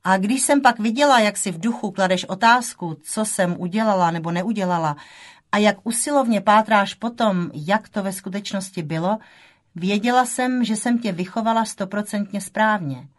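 A woman's voice: mid-range voice, close to an everyday voice. Woman voicing a wry, proud mother. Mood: earnest.

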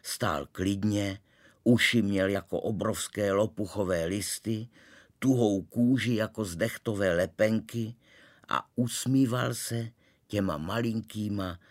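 A man narrating an old-fashioned children's story in an expressive storytelling manner, told as a child. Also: fairly low pitch.

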